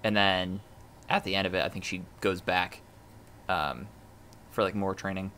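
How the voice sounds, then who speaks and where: Guy with a low but bright sharp voice talking movies, lots of um and like. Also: moderate pace, slight background noise. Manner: relaxed, hesitant with fillers. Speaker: podcast co-host. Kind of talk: casual movie review chat.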